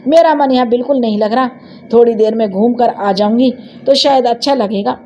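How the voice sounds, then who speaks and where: A spirited village teenager, as a woman storyteller puts her on, headstrong and playful, who coaxes and teases her friends. Her voice sits a touch high with a soft, mellow tone. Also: a little fast, lightly acted. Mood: eager. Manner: coaxing, cheeky.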